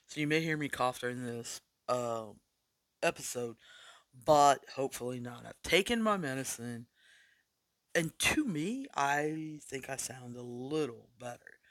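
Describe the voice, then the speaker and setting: Still recovering from losing his voice, a podcast host chats casually about sports betting and makes deliberate picks. He has a medium-pitched, fairly bright voice on a dry recording.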